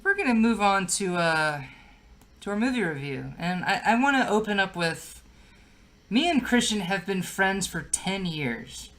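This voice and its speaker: A man's voice: high-pitched, lively intonation, measured pace, a bit bright. A young man co-hosting a podcast, rambling casually with lots of fillers and swearing. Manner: rambling, filler-heavy, profane. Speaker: podcast co-host. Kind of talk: casual chat.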